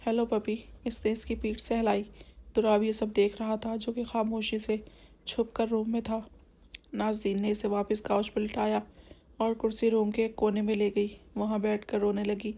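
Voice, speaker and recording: A woman narrating a romantic novel in a steady, even reading. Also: medium pitch, creaky. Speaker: audiobook narrator.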